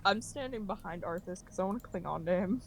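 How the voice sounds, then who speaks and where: A woman's voice: medium pitch, quick pace, creaky. A young woman playing in a tabletop game, playful and teasing. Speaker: player. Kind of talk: casual chat during a tabletop game.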